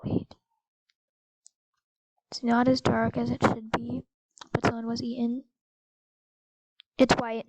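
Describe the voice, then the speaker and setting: A woman hosting a gameplay video, chatting excitedly and explaining the game rules to a friend as they play. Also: fairly high pitch, slow, long pauses, no room sound, low-quality recording. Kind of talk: casual gameplay chat.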